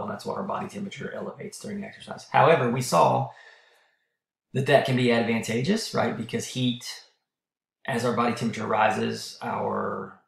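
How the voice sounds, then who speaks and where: Gravelly male lecturer losing his voice. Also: on the low side, reverberant. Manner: relaxed, repeated throat clearing, frequent "okay?" checks. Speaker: college lecturer. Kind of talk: recorded voice-over lecture.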